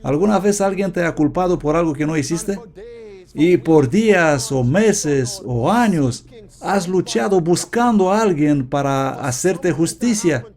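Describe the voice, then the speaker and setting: A man preaches in a slow, unhurried cadence, pressing his congregation with the same question again and again. His voice sits fairly high yet sounds mellow and dark. His tone stays earnest and confessional. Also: expressive. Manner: emphatic, repeated questions to the congregation. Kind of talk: sermon.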